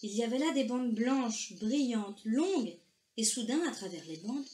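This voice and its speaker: A woman reading a children's story aloud, slow, gentle and expressive. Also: a little high. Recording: echoey room, faint noise.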